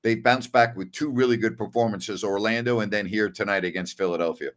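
An older man with a low voice hosts a postgame basketball show from home over a webcam. He talks firmly and opinionatedly, repeating words for emphasis. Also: brisk. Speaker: sports talk host.

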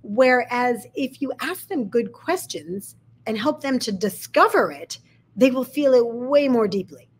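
A woman's voice: fairly high pitch, expressive, unhurried, breathy edge. A woman sales coach with a slight lisp, explaining a method step by step in an instructional video.

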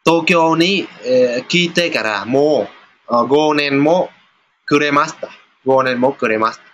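A man teaching a casual lesson over test questions, chatty, pausing with filler sounds and reading example sentences aloud slowly. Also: on the high side, fairly bright tone, dull audio. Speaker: Japanese teacher.

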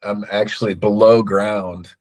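A man speaking as a guest in a casual online chat over a video call, relaxed and full of fillers. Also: on the low side, a little slow.

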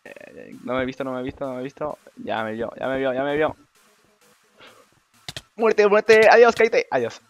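A young man with a Mexican Spanish accent giving casual commentary over a game, excitable, swearing and talking to the other players. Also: mid-range voice, fast talker, clear, resonant tone. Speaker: gameplay commentator. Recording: dull lo-fi mic with faint game music.

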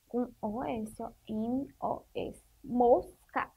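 A woman's voice: on the high side, fairly even intonation, drawn-out words, vocal fry, mellow, breathy edge, low-quality recording. A woman teaching a first-grade Portuguese lesson, speaking patiently and stretching out syllables for children, with a Brazilian Portuguese accent.

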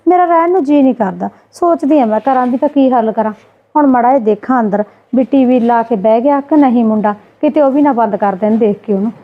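A woman scolding her sister-in-law in a Punjabi family drama skit, indignant and quick. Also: fairly high pitch, narrow, tinny audio.

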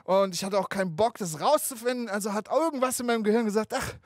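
A young man from Berlin doing stand-up comedy, animated and profane, acting out other people's voices. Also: high voice, fast, dry recording, studio quality. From Berlin, Germany.

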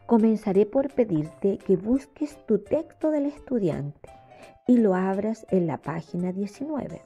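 A Chilean woman teacher narrates a recorded lesson for children, her voice gravelly and a little husky. Her pitch rises and falls in a lively way as she explains each step slowly. Soft music plays faintly underneath. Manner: slow, explanatory classroom delivery. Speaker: primary school teacher. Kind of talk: recorded remote lesson voice-over.

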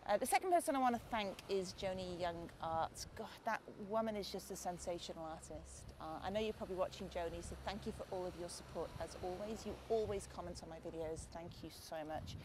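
An art channel host from Lancashire, England, a woman in her forties with a softened Lancashire accent, chats to camera on a beach at sunset. She thanks viewers warmly, calling them guys and mate, speaking fairly quickly with few pauses in a voice on the low side. The outdoor camera audio is noisy.

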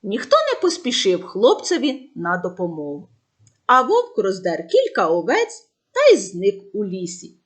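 A woman narrating a fable for children in an expressive, dramatic reading style. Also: mid-range voice, unhurried. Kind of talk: storytelling for children.

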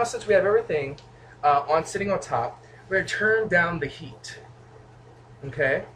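Cooking in a small home kitchen, a young vlogger rambles and cracks jokes to a camera a few feet away. He has a slightly high voice. The camera mic audio is poor, with slight background noise.

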